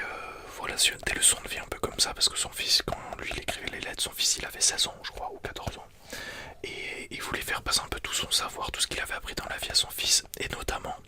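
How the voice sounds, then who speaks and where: A person speaking in a hushed library whisper, casually explaining things in an ASMR book review. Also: extremely high pitch. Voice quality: soft, unvoiced whisper. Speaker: ASMR video creator.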